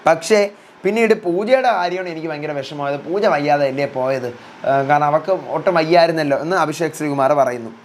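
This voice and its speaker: A man's voice: fairly high pitch, slight background noise. A young man recapping a reality show episode in casual, chatty speech, retelling what the housemates said. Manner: rapid chatty retelling, voicing housemates' quotes. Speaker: reality show reviewer, channel host.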